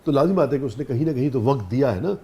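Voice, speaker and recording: A man with a Pakistani Urdu accent hosts a talk show interview. His voice is mellow and warm, and his pitch moves around a lot as he speaks. He backs up his guest with frequent short agreements. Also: animated, slightly rough. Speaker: host.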